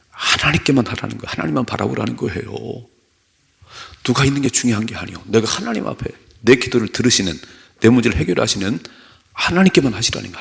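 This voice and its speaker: A man's voice: fairly low pitch, vocal fry. A middle-aged male pastor giving a dawn prayer sermon, reading scripture aloud, acting out sample prayers and asking the congregation questions.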